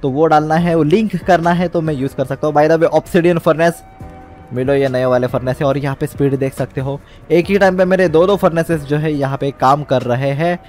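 A young man with a slightly high voice walks through his game build step by step in easy, chatty commentary. He drops English words into his sentences, with soft music behind him. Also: fairly quick. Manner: explains step by step, mixes English words into speech. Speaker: gaming channel host. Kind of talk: casual gameplay commentary.

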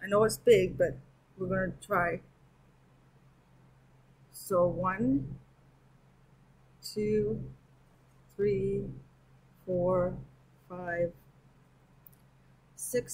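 A woman reviewing yarn on her crochet channel, talking in an unhurried, easy way. Her voice is a little husky, and she thinks aloud as she works, counting stitches under her breath. It is a relaxed home crafting chat. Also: on the low side, poor audio. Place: at home with an air conditioner running.

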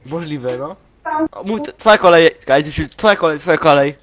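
A man's voice: on the high side, expressive, normal speed, fairly bright tone. A teenage boy hosting a casual Minecraft let's play, bossy and crude, trading teasing jokes. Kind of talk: casual gaming banter.

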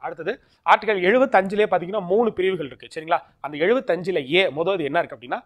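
A man teaching a recorded exam-prep lesson over slides. He often checks in with "okay?" and reads English terms out slowly. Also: fairly high pitch. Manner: tags lines with a checking "okay?", mixes English terms into his explanations.

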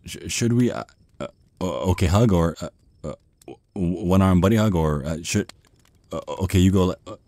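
An actor with a very low, close, dry male voice plays a shy young vampire in an ASMR roleplay, flustered easily, stammering nervously and rambling in awkward, halting bursts. The recording is dry and the tone mellow.

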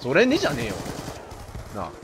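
A man doing game commentary while he plays, barking orders like a mock commander and shouting in rough slang. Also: medium pitch, huge pitch swings, fairly quick, noisy background. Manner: loud, theatrical, bossy mock-commander banter. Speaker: gaming commentator.

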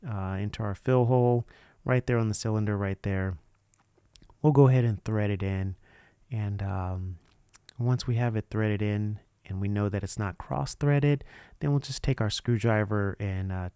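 Presenting a DIY how-to video, a man narrates the hands-on steps in an informal, unscripted, casual way. His voice is on the low side and warm, recorded cleanly at studio quality with no echo.

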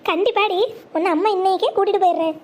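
A high-voiced performer voicing an older village mother who pleads and wails for her jailed daughter. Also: steady tone, fast talker, a little mellow. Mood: scolding. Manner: wailing, pleading.

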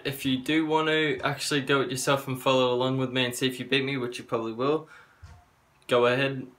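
Young man, fitness vlogger at home, casual chat to camera, medium-pitched with little variation. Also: a bit bright. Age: young adult. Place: small carpeted room at home, indoors.

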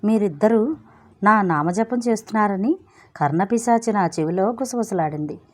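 Cheeky smooth-talking young schemer, woman reading, storybook, mellow lowish voice. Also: natural voice. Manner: playful, theatrical.

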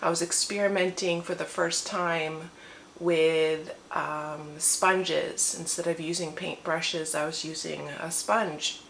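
A woman rambles through a personal testimony to camera at home in her living room, still in her morning voice. She speaks low and slow with a steady tone, vocal fry, and a fairly bright quality. There's a roomy echo, faint ambience, and slight background noise.

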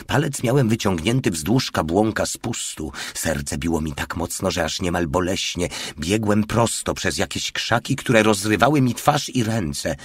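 A man narrates a war story in a very low voice with a husky grain. The recording is dry and close, with no room sound. He lifts his pitch and pushes harder when he reads the dialogue. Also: no echo. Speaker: audiobook narrator. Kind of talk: scripted audiobook narration.

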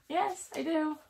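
A woman's voice: sits high, creaky, mellow. A woman livestreaming casually, chatting and giggling with viewers while she builds. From United Kingdom.

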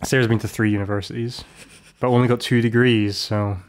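A man's voice: mid-range voice, level tone, a little fast. A man hosting a podcast, recapping a film in a rambling, casual way with lots of restarts and asides. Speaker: podcast host.

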